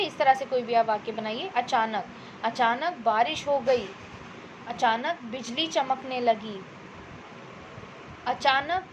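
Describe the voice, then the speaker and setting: A woman teacher patiently explaining a worksheet to children step by step, checking in often and slowing down to dictate example sentences. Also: sits high, highs cut off, a little hiss or hum. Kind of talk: Hindi worksheet lesson for children.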